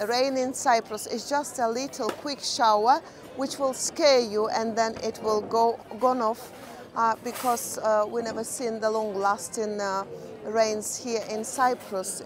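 A woman co-hosting a travel vlog, chatting casually and searching for words as she walks along a busy outdoor harbour at night. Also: a little high. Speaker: vlog co-host. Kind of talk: casual chat while walking. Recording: noisy crowd behind. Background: crowd chatter.

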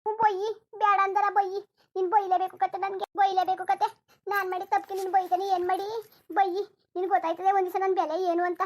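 A woman voicing an aggrieved, sharp-tongued village wife in a cartoon, scolding and resentful. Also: extremely high pitch, little pitch movement, quick pace. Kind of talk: cartoon voice acting.

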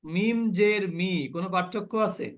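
A Quran recitation teacher with a high voice leads an online class on pronouncing Arabic letters. Speaking at a moderate pace, he drills the sounds and asks his students questions.

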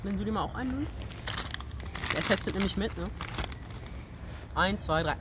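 A man's voice: high voice, expressive, moderate pace. A teenage young man hosting a casual taste-test vlog, talking in a chatty, hesitant way outdoors toward a camera a few steps away. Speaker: video host reviewing snacks. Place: outdoors by a brick wall. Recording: outdoor camera audio with clear background noise.

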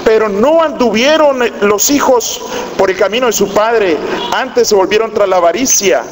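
A man's voice: high-pitched, normal speed. A male pastor preaching a sermon, reading scripture aloud with earnest rising emphasis. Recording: echoey hall with steady background noise.

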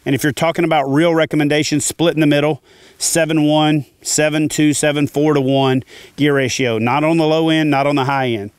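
A man's voice: a little high, fairly even intonation, fairly quick, smooth, no room sound, studio quality. A middle-aged man teaching fishing gear to camera from a kayak on a lake, confident and plain-spoken. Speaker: fishing channel host. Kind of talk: instructional talk to camera. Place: outdoors, seated in a kayak on a lake.

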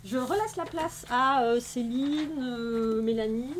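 A woman hosting a library live stream, reading a novel aloud in a clear, measured way. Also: a little high, slight background noise. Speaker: library host.

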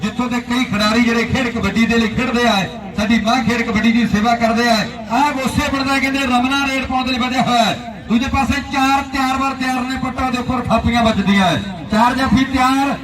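A man declaiming frantic rural sports commentary on kabaddi in stock phrases and folk rhymes. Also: extremely high pitch. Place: outdoor village sports ground. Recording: echoey outdoor PA, distant, crowd noise.

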